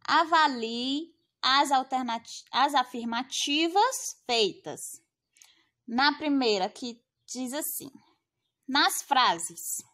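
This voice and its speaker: Brazilian woman teacher, slow and patient, a bit high-voiced, walks students through exercises. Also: animated, sharp tone. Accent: Brazilian Portuguese. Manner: patient, explaining step by step with frequent tag questions. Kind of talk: recorded grammar lesson.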